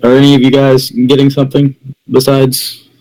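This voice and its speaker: A man's voice: medium pitch, monotone, moderate pace, darkish tone, rough recording. A man narrating a tabletop game as game master, rambling with lots of restarts. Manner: rambling, many fillers and restarts.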